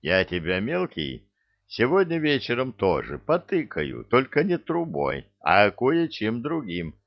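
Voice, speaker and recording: A man's voice: medium pitch, huge pitch swings, unhurried, creaky, dull audio, pitched above the performer's own voice, full character voice. A man doing a hulking, drawling soldier. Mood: teasing. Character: big, lumbering, teasing young male soldier.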